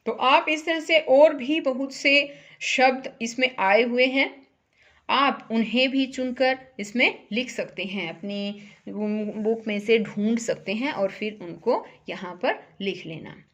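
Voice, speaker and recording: A woman teaching a primary-school Hindi lesson as a voice-over, saying words clearly one by one so children can repeat after her. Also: a little high, fairly bright tone. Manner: slow, careful word-by-word drills for repeating.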